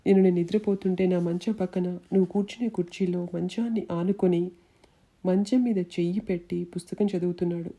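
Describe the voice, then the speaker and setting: A woman's voice: lowish voice, fairly even intonation, fairly quick, mellow. Woman voicing an anxious, consoling friend. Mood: urgent. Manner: soothing, urgent.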